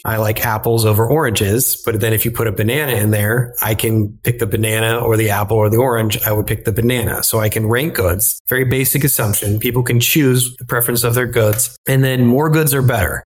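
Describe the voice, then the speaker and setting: A man from Illinois, a finance professor, answering interview questions and explaining ideas with simple examples. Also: medium pitch. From Illinois, United States.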